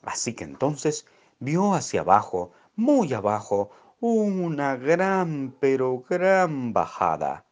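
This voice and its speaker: A man telling a children's story at an unhurried, deliberate pace. His pitch rises and falls widely as he draws out words for effect. Expressive, storybook narration.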